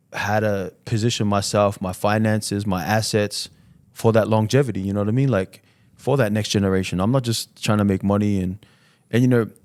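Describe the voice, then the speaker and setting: As an interview guest on a podcast, an entrepreneur from Fiji talks casually, his informal slang full of "man" and "you know". He has a lowish, slightly mellow voice in a dry recording.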